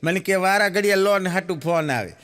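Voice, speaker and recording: A fairly quick, high-voiced man performs stand-up, acting out the people in his stories as an animated storyteller. Audience laughter fills the background.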